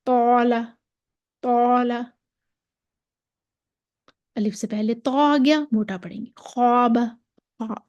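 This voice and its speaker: A woman with a Pakistani Urdu accent gives a slow, patient lesson in Quran recitation, stretching out the example syllables. Her voice is fairly high and mellow, and the recording sounds muffled and lo-fi.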